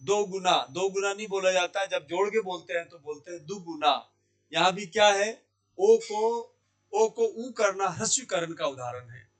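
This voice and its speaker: A male Hindi teacher giving a grammar lesson, his voice sitting a bit higher than most men's. He keeps asking the class a question and then answering it himself, and he says each key word slowly, more than once. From India. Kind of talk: classroom lesson explaining sandhi. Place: Jaipur language institute.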